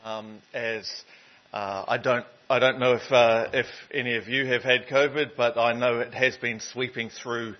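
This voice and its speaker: A man preaching a sermon in a conversational way, filling his pauses with ums and uhs. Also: medium pitch, steady tone. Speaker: pastor. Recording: dull lo-fi sound.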